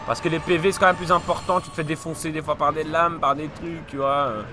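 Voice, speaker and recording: A young man, still a little ill, commenting on his gameplay with frequent swearing and frustrated shouts. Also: a little high, flat delivery, fast talker. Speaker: let's play gamer. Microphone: desk mic. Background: game music.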